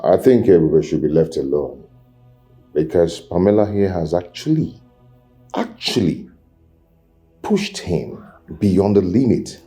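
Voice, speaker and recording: An actor playing a reasoning prince in a film drama, measured and persuasive. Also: male voice, low voice, expressive, dark tone, faint music behind. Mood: measured, pleading. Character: reasoning prince pleading with his father.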